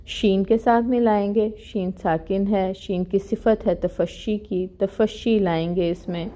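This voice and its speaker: A woman teaching tajweed in an online lesson, explaining each rule plainly and reciting verses slowly and drawn out. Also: mid-range voice, steady tone, mellow. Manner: explains rules plainly, mixing in English words.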